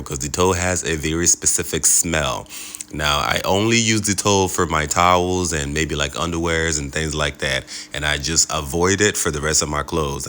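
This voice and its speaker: A man from Nigeria talks casually to viewers as a travel vlogger, in an animated, colloquial way with frequent check-in tags. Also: low-pitched. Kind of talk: casual vlog talk to viewers.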